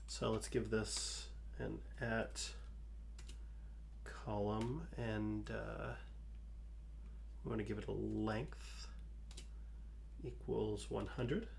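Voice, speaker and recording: A livestream host, a man with a slow, gravelly, low-leaning voice, codes on stream while thinking aloud. His tone is soothing and calm, and he talks through the code with fillers. There's a little hiss or hum in the audio.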